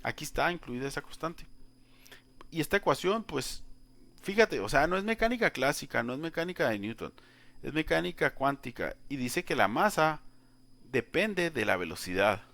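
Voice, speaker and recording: A man's voice: a little high, a bit bright. A man teaching a calculus lesson, chatting directly to the student and walking through each step. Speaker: math teacher. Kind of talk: informal whiteboard lesson.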